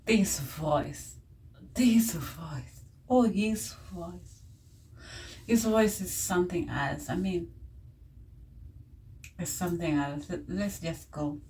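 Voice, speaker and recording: A woman who speaks English as a second language gives casual reaction commentary in a halting way, often repeating words and phrases. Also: on the low side, dark tone. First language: not English. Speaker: music reaction video host. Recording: distant mic with faint noise.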